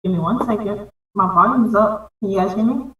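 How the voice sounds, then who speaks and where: A woman's voice: medium pitch, a little fast. Woman, muffled and degraded video-call stream, brief procedural testimony, roomy echo, a little far from the mic. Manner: brief and procedural, checking if she can be heard. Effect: muffled, degraded video-call stream audio. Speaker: city representative at a hearing. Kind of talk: formal testimony at a virtual hearing.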